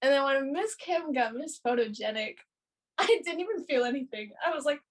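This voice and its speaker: A young woman, a makeup artist, telling an excited story in a casual, gushing way, full of "like" and swearing. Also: high voice, normal speed. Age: young adult. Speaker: podcast guest, pageant makeup artist.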